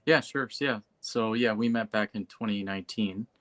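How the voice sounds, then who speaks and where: A man's voice: lowish voice, moderate pace, fairly bright tone. A man speaking as a host and pastor in a casual chat, loosely and often correcting himself.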